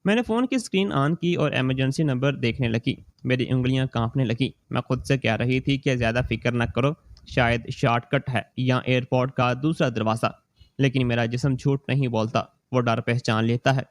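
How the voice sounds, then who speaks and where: A man reading a scripted moral story in the first person, slow and steady. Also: mid-range voice, no room sound.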